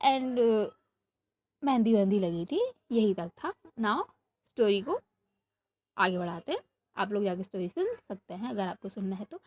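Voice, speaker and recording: A woman's voice: medium pitch, sing-song, a little slow, pauses often, muffled recording. A young woman rambling animatedly from her bedroom, chatting casually and then narrating a story for her channel. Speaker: storytelling vlogger. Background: neighbour's music playing.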